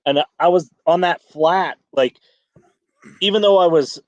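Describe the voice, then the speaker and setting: A man's voice: a little high, unhurried, no echo. A man chatting casually on a fishing podcast, rambling with many restarts and fillers. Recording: dull lo-fi dry sound.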